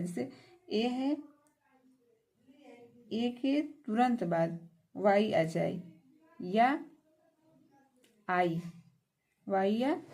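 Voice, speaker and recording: A woman's voice: mid-range voice, a little mellow. A woman teaching English pronunciation in a classroom lesson, spelling words letter by letter, repeating meanings and answering her own questions.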